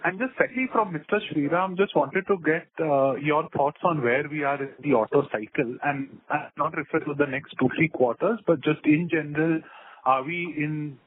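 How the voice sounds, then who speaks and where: A man's voice: a little high, breathy edge. A man on a conference call asking polite but probing questions over the phone on a breaking line. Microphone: phone handset. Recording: tinny phone line with faint noise.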